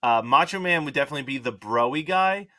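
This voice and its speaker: Bright-toned man bantering playfully. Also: medium pitch, animated, fairly quick. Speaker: podcast guest. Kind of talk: casual movie review chat.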